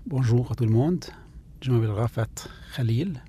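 A man from Palestine, answering interview questions slowly and haltingly in his living room. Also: medium pitch, dark tone, slight background noise. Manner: halting, searching for words. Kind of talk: radio interview.

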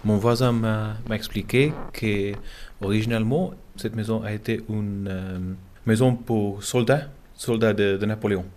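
Deep-voiced man from Gibraltar, halting French. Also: steady tone, a little mellow. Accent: Gibraltarian, Spanish-tinged French. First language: English. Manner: halting, searching for words, many restarts. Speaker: interviewee. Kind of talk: interview answers in a second language. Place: at home.

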